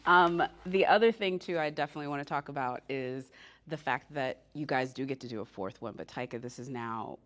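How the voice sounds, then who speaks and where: A woman's voice: rumbling low, fairly quick, a bit bright. A woman interviewing film cast, asking questions in an upbeat way and laughing often. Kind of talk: entertainment interview.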